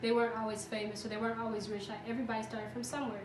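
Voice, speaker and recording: Young woman interviewer, chatty, says like a ton, highish voice, far off noisy room. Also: little pitch movement, very fast. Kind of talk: casual interview. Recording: echoey room, distant mic, noisy.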